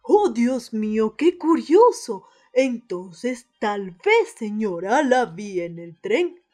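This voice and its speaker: A woman playing a polite, hesitant English gentleman in a radio play, speaking formally with pauses. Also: a little high, sing-song, faint music behind, exaggerated voice. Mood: polite puzzlement. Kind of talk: radio theatre acting.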